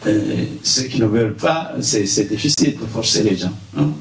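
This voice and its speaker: Speaking off the cuff at a press conference, a Burundian man sounds earnest yet halting, leaning on many fillers. His voice sits on the low side with vocal fry, animated and at normal speed, caught by a distant mic in an echoey room with faint hiss.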